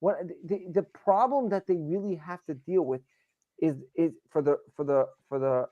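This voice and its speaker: A New York man on a sports fan show panel argues hockey opinions emphatically during a casual live sports debate stream, often repeating himself for emphasis. His voice is a little high and at normal speed, and the recording is muffled with no echo.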